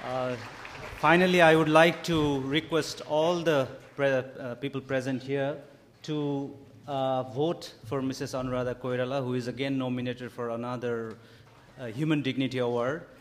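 A man speaking from a stage in a conference hall, halting with frequent fillers. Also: mid-range voice, steady tone, some chatter behind, slight background noise. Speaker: event speaker.

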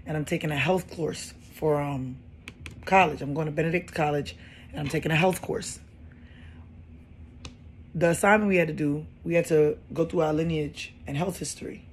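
A woman in her thirties telling a personal story in a casual, animated way, often repeating phrases for emphasis. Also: low-pitched, normal speed, long pauses, a little hiss or hum.

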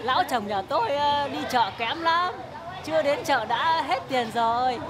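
A woman playing a brash, sharp-tongued village wife who scolds bluntly, outdoors at a market. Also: high voice, moderate pace, natural voice. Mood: gossiping. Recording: outdoor street with crowd and traffic noise.

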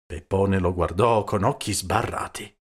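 Man, low voice, audiobook narration, steady and measured. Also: husky. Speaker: audiobook reader.

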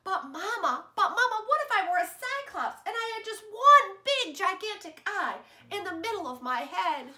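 An eager little child, as a woman reading a storybook puts the voice on, pressing one question after another. The voice sits high and bright and leaps around with excitement. It rings out in a roomy, echoing space. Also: normal speed, hardly any pauses, full character voice. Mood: eager pleading. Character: small child, eager and pleading. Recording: roomy echo.

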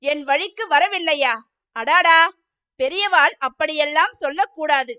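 A woman's voice: high voice, measured pace, bright, forceful tone, muffled recording. Woman voicing a menacing young outlaw. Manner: threatening, harsh. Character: fierce young male masked outlaw, menacing.

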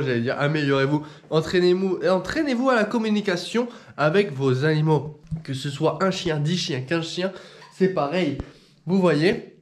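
A man's voice: on the high side, darkish tone. A man training dogs, chatting casually while out on a walk and slipping into playful baby talk with his dogs. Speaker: dog trainer.

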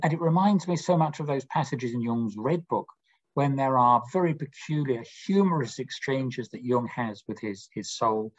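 Male lecturer, husky voice, muffled lo-fi recording, slow verse reading. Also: medium pitch. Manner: slow deliberate recitation of quoted verse. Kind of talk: lecture reading and explaining a poem.

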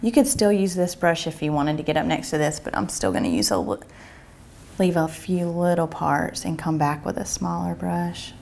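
A woman, giving a relaxed, chatty step-by-step painting tutorial at home, talking as she paints. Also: low-pitched, moderate pace, gravelly, slight background noise. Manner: relaxed, chatty, thinks aloud while painting. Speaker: painting instructor. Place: home room with a painting easel.

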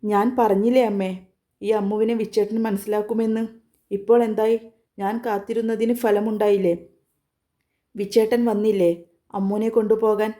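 A woman storyteller voicing a young woman deeply in love, speaking in a pleading, emotional way. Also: fairly even intonation, normal speed, mellow, natural voice. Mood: eager.

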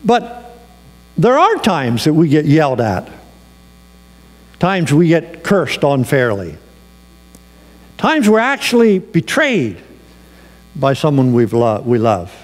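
A man's voice: on the high side, huge pitch swings, slow pace, long pauses. A male pastor preaching a sermon, telling a personal story in a conversational way with fillers, in a church sanctuary with long reverb.

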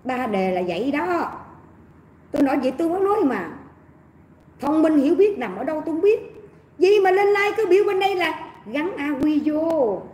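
Chatty high-voiced Southern Vietnamese woman host. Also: sing-song, normal speed, pauses often, darkish tone. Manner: chatty, gossipy, mocking, addresses viewers as family. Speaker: livestream host. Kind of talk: casual livestream commentary. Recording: echoey room.

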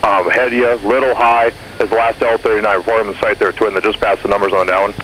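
A male air traffic controller in the airport tower speaks at a quick pace, his voice on the low side and flat. He gives clipped, courteous instructions over aviation radio, heard in a jet cockpit with faint noise in the background.

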